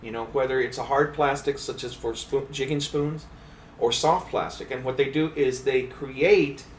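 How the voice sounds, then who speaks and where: A man's voice: mid-range voice, steady tone, moderate pace, far from the mic, a little hiss or hum. A man hosting a casual chat about fishing tackle at a trade show, thoughtful and full of ums and restarts. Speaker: podcast host, fishing editor. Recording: roomy, off-mic, faint hall ambience.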